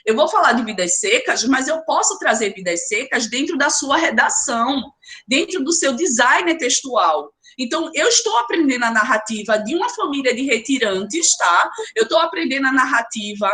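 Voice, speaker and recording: High-pitched, bright and forceful, this Brazilian-accented teacher speaks at a moderate pace with big pitch swings during a live online literature lecture. She pushes her students emphatically, calling on each by name.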